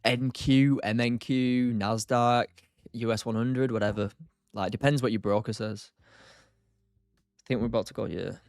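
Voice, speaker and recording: A man's voice: medium pitch, steady tone, moderate pace, darkish tone, no echo, studio quality, faint music behind. A tired man hosting a live stream, thinking aloud and answering chat in a loose, casual way. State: tired, short on sleep. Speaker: streamer, day trader.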